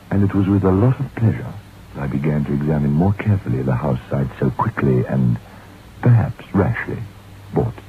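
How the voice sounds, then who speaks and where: A very deep-voiced actor portrays a reflective, brooding novelist telling a haunted tale, paced in measured 1960s radio drama style. It comes through a tinny, noisy old recording.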